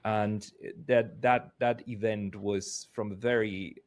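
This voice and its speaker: Swiss guy hosting, kinda low voice, stops and repeats himself a lot. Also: steady tone. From Switzerland. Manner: halting, repeats words as he searches. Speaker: host. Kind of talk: casual interview talk.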